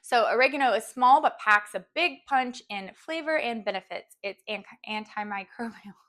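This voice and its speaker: A woman's voice: on the high side, moderate pace, sharp tone. A woman hosting a cooking show, chatty and giggly, stumbling over words as she demonstrates a recipe.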